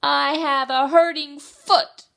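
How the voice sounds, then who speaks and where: A woman voicing a cranky little girl from a storybook in loud, whiny, shouted outbursts. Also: high-pitched, steady tone, takes it slowly, gravelly, voice pushed up, full character voice. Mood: shouting.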